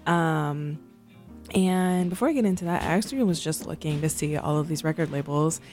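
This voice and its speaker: A young woman with a low voice hosts a radio show, chatting loosely between tracks. She rambles and fills her talk with ums and likes, and faint music plays behind her. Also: moderate pace, a little mellow. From San Francisco. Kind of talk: casual radio chat between songs.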